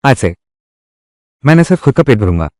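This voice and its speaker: A man's voice: medium pitch, very animated, fairly quick, darkish tone, dry recording, clean studio sound, natural voice. A man voicing heated, scolding family quarrels in dubbed drama dialogue. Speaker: voice actor dubbing a village family drama.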